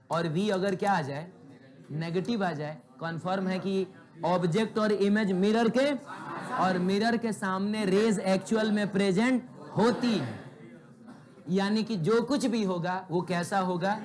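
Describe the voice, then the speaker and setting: A man teaching physics in a classroom, asking the students rhetorical questions and telling chatty ones to be quiet. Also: high voice, measured pace. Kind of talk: classroom lecture.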